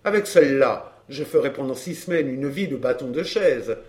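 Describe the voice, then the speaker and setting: A man's voice: mid-range voice, expressive, moderate pace, a little mellow, close to an everyday voice. A man playing a brash, chatty flirt. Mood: glib. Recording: roomy echo.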